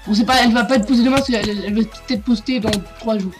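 A young man hosts a gaming video, chatting loosely while he plays and trash-talking his friend with rowdy swearing and laughter. His voice is extremely high-pitched, rapid-fire and fairly even in intonation, with music playing in the background.

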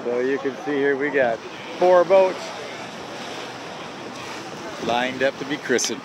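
A man in his fifties vlogging into a phone held at arm's length on an open beach. He talks in a chatty, upbeat tour-guide way at an ordinary middle pitch. Steady wind noise rushes over the little mic. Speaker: vlogger and sailing club member. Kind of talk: casual vlog narration. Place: outdoors on a windy beach. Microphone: phone camera held at arm's length.

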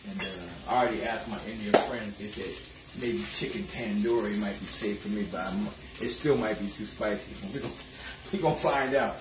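A middle-aged man talks relaxed and joking while he cooks. A phone camera across his home kitchen picks him up with a roomy echo, and loud frying and sizzling run underneath. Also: lowish voice, brisk, far from the mic, background noise. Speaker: home cook and show host. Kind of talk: casual cooking livestream chat. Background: frying and stirring sounds.

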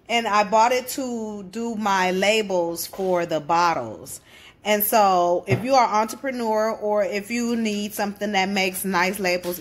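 Woman, casual vlog host, chatty and slangy, easygoing slow delivery. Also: mid-range voice. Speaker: crafting channel host.

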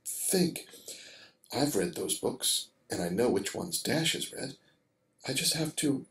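A man voicing an anxious, bookish young female unicorn with a high, fretful voice. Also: big pitch swings, a little mellow, low-quality recording. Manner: fretful, rapid, raised.

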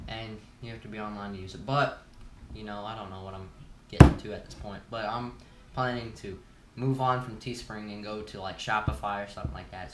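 A man's voice: lowish voice, heavy background noise. A teenage boy hosting a casual Q&A vlog, chewing gum and rambling laid-back with lots of fillers. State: chewing gum while talking. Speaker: YouTuber host. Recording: roomy echo, from a distance.

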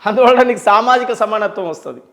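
A man's voice: high voice, quick pace, creaky, fairly bright tone. A man with a Telangana accent speaking as an interview guest, emphatic and full of rhetorical questions and long lists. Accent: Telangana Telugu. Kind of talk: impassioned interview talk.

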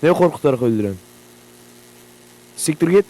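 This young Turkish gaming YouTuber sounds fairly high-pitched and expressive, speaking a little fast. He reacts to a horror game loudly, jumpily and with plenty of profanity, over the game's generator hum.

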